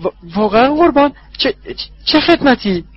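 A man voicing a frightened, cringing male servant who stammers and pleads in a husky voice. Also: high-pitched, lively intonation, dry recording, lo-fi sound, voice pushed up. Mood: terrified. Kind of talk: audiobook character voice.

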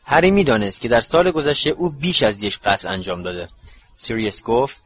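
A man narrating a storybook audiobook in an expressive storytelling manner. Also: medium pitch. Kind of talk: scripted narration. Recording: dull lo-fi recording.

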